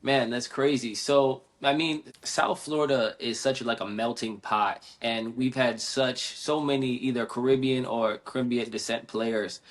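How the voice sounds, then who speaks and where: Chatty male podcast host, mid-pitched, casual and friendly. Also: steady tone, measured pace, few pauses. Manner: friendly, chatty, with laughs and "like" fillers. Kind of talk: casual interview.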